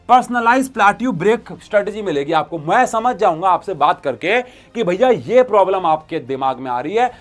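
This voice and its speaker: A young man teaching and pitching a crash course to students in an animated, coaxing way. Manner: animated, addresses students as bhaiya and babu. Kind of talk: energetic coaching pitch to students.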